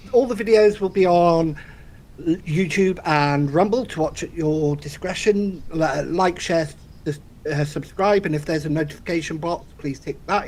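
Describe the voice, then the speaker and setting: A man co-hosting a podcast, laid-back and quick to laugh, trailing off mid-sentence. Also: a little high, darkish tone. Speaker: podcast co-host. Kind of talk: casual chat.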